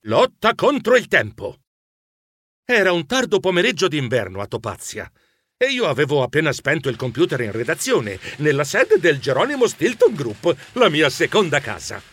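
A man's voice: a little high, wildly swooping pitch, moderate pace, a bit bright. A man narrating a children's audiobook in the first person, theatrical and comic with frequent exclamations.

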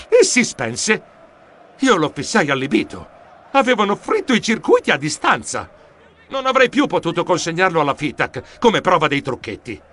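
A man narrating a children's storybook in a lively, expressive manner. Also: on the high side. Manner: expressive, animated. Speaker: audiobook narrator.

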